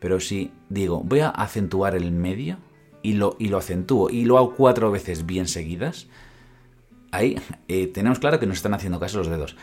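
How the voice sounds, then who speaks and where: Male guitar teacher, low voice, patient step-by-step podcast lesson, soft guitar behind. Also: a little fast. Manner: explains step by step, often asks "¿vale?". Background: guitar playing between phrases.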